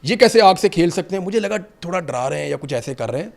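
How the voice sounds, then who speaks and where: Talking with an interviewer, a middle-aged man recounts his own story in a high-pitched, animated voice with vocal fry. He's earnest and vivid as an interview guest, his intensity rising and falling as he goes.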